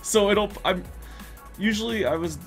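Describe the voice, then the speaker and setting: A man's voice: high-pitched, normal speed, fairly bright tone. A man streaming casually, rambling and thinking aloud as he works, laughing often. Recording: music playing behind.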